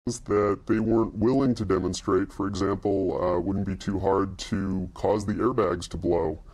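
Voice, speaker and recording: Anonymous middle-aged male insider, voice electronically disguised and pitched down, earnest warning delivery. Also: steady tone, moderate pace, a little mellow. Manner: earnest, cautionary. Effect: electronically disguised, deepened voice. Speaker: anonymous auto industry software developer. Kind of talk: news interview.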